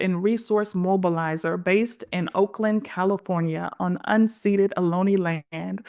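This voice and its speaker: A woman hosting a podcast, reading scripted introductions and then asking interview questions in a measured way. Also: mid-range voice, darkish tone, no room sound, studio quality. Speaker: podcast host.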